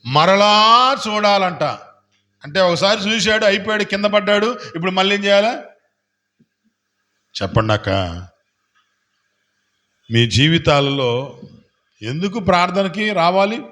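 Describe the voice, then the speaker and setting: A man preaching as a pastor, questioning the congregation and building to loud calls for hallelujah. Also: high-pitched, animated, measured pace, long pauses. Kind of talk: sermon.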